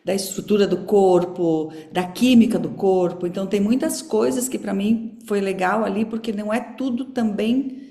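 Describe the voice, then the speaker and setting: A woman's voice: mid-range voice, normal speed, creaky, mellow, roomy sound. A woman with a Brazilian accent teaching an online class in a casual, chatty way with many fillers. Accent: Brazilian Portuguese. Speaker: course teacher.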